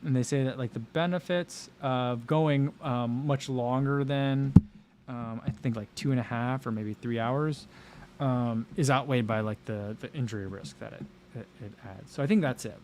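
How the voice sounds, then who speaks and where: Hosting a running channel's casual livestream from home, a man reads viewer comments aloud and rambles, using fillers and laughing often. His voice is medium-pitched and darkish at a moderate pace, with a little hiss or hum in the audio.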